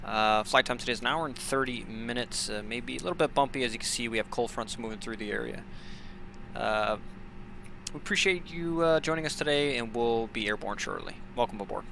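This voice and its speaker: A man's voice: medium pitch, a little fast. Man as sim pilot on a headset. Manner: relaxed, with many "uh" fillers. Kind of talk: cockpit checklist talk and captain announcements. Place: home flight simulator setup. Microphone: pilot headset mic. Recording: clear steady background noise.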